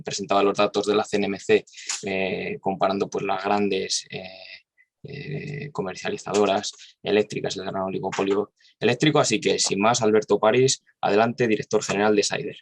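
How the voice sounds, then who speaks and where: A man with a low, gravelly voice moderates a panel debate and introduces the speakers. He talks haltingly, with frequent fillers. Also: level tone, a little hiss or hum.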